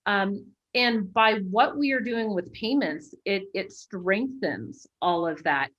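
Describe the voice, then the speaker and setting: Woman executive, interview guest, mid-pitched, articulate, checks in with "right?". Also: animated, slow pace, fairly bright tone, lo-fi sound. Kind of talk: interview answers.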